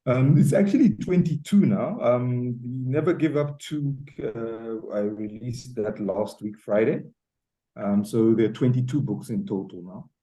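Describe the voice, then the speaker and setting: A man's voice: mid-range voice, measured pace, warm tone, rough recording. A man in his forties from Zambia, chatting as a guest author with many ums and uhs. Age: 40s. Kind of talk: casual interview chat. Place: home, South Africa.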